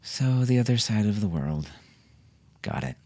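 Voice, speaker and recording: A man's voice: lowish voice, lively intonation, a little slow, dark tone. A man reading an audiobook, voicing a teasing, sarcastic young mother with a raised, lighter voice. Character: teasing, sharp-tongued young mother and wife.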